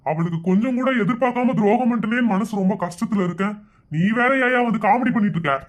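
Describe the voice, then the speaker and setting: A man voicing a sentimental married man in an animated comedy who laments his own betrayal in a mournful, melodramatic way. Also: sits high, fast, lightly acted. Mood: lamenting.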